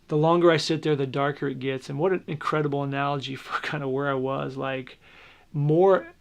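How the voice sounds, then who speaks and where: A pastor speaks in a candid documentary interview. His voice sits a little high and carries a gravelly fry. He tells his story haltingly and keeps doubling back on his words. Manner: candid, halting retelling with restarts.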